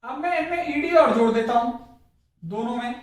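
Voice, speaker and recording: A man's voice: very high-pitched, moderate pace. A man teaching English pronunciation in a classroom-style lesson. He drills each word by repeating it, and he asks questions and then answers them himself. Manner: drills words by repetition, asks and answers his own questions. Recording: echoey room, mic far off.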